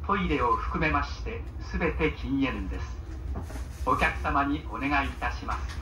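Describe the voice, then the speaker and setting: A man giving a polite, formal train announcement over the loudspeaker, listing stops and car information in a measured, scripted way. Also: medium pitch, noisy background. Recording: echoey train car, mic far off.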